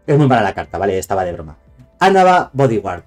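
A man's voice: fairly low pitch, sing-song, fast talker, darkish tone, faint music behind. A man from Spain with a Castilian accent, chatting casually and digressively on a live stream, reviewing cards and greeting viewers. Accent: Castilian Spanish.

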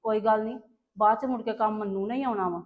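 Fast-talking self-righteous woman. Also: medium pitch, fairly even intonation, lo-fi sound. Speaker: elder daughter-in-law in a family drama. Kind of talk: scripted family drama acting.

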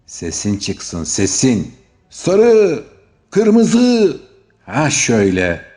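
A man voicing an excited old football fan who barks chants and orders at a young man, in a storybook reading. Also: low voice, measured pace. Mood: excited shouting. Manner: shouting loud chants.

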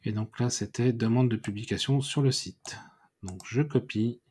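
A man giving a screen-recorded software tutorial, thinking aloud and correcting himself as he clicks through menus. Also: mid-range voice, slightly rough. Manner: unhurried, thinking aloud with many fillers and self-corrections. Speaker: WordPress tutorial instructor.

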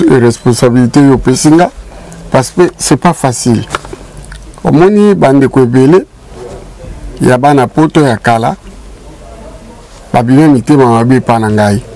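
An older man from Congo Kinshasa, a guest on a show, sits in a small indoor studio telling community history in emphatic, casual storytelling, mixing French and Lingala. His mid-range voice is a little mellow, and the audio quality is poor.

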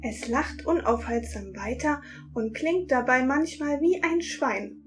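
Bedtime storyteller, woman, slightly high voice, very slow and calm first-person reading.

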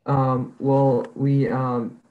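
A man's voice: medium pitch, flat delivery, drawn-out words. A young man from Egypt, a student politely asking questions with frequent "um"s over a video call. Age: young adult. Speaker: student interviewer. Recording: dull, lo-fi video call audio.

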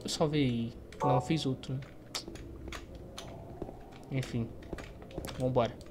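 Close to his desk microphone, a young Brazilian streamer jokes and rambles casually in slang while playing. He speaks slowly in a steady, mid-range voice, over noisy game sounds and typing.

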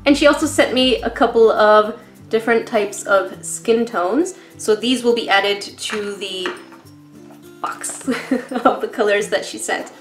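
A woman's voice: on the high side, unhurried, roomy sound, soft background music. A woman vlogger rambling in a casual unboxing chat, emotional and close to tears, laughing often. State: tearful, emotional.

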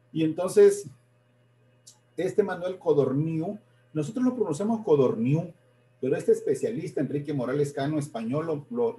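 A man giving a live-streamed history lecture, pausing often, repeating words and correcting himself as he goes. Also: a little high, mellow, slight background noise. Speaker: history presenter.

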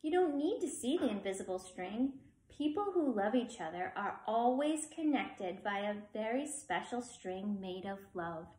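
A woman's voice: mid-range voice, lively intonation, measured pace, hardly any pauses, darkish tone, close to an everyday voice. A woman voicing a patient, reassuring mother of young children in a storybook, soothing and assured. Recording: echoey room.

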